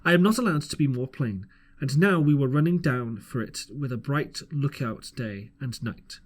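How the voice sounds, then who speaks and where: Earnest and occasionally stumbling, a man without professional training narrates an audiobook of scripted storybook text. He speaks at a normal speed with medium pitch and lively intonation.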